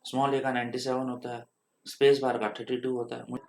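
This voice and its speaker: A man's voice: mid-range voice, little pitch movement, brisk, creaky, a little mellow, slight background noise. A man with an Indian accent teaching programming step by step in a screen-recorded coding tutorial. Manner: patient step-by-step explaining, mixes English terms.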